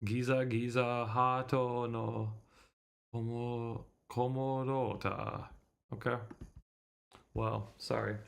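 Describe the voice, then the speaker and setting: A streamer reads a visual novel, offering casual livestream commentary as he mutters his thoughts aloud and swears offhandedly. His gravelly voice is medium-pitched with little pitch movement, and he speaks slowly with frequent pauses.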